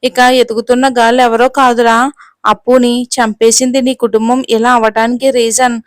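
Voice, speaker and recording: A woman's voice: a little high, flat delivery, moderate pace, no room sound, clean studio sound, lightly acted. A woman voicing a young man who confides bad news to a friend. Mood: confiding.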